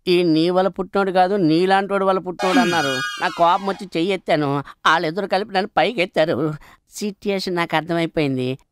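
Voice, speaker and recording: A henpecked office clerk, played by an actor, rueful as he tells his tale in a comedy film. His voice sits a bit high, with faint music behind. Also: quick pace, clear, resonant tone, lightly acted. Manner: rueful storytelling. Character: henpecked married clerk recounting his fate. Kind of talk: comic film acting.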